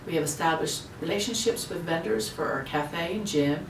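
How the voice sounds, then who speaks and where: A project manager, a woman with a very low voice, lays out plans in a plain, orderly way. She is recorded from afar in a roomy space with noise behind her. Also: normal speed. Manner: orderly, matter-of-fact. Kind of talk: interview talk for a corporate video. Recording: roomy, distant mic, background noise.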